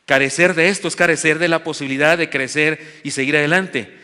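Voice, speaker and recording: A man's voice: a little high, fairly even intonation, fairly quick, pushed and bright. A man with a Mexican Spanish accent preaching a sermon as pastor, telling a story earnestly and building to emphatic exhortation. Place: church sanctuary with long reverb. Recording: church hall reverb.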